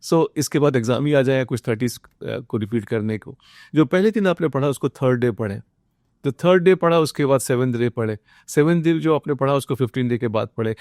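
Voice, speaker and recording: An Indian man teaching exam students, mixing English phrases into Hindi with frequent filler pauses. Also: mid-range voice, a little mellow, no room sound, clean studio sound. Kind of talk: motivational study lecture.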